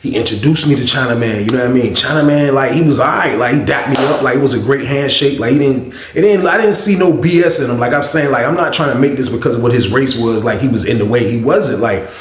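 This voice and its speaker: A man spinning a long, rambling story for his viewers, filling his sentences with little checks on whether they follow. His voice sits at an ordinary pitch. The room adds a noticeable echo. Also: fast talker, few pauses, slight background noise. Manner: rambling, frequent filler phrases. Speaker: vlogger. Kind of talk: casual storytelling.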